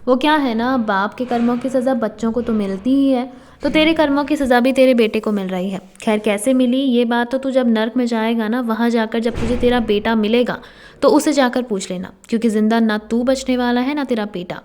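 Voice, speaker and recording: A woman's voice: a little high, fairly quick, a little mellow, lightly acted. Vedant, a menacing young groom read by a woman. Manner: menacing, taunting. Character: defiant young groom, cold and threatening.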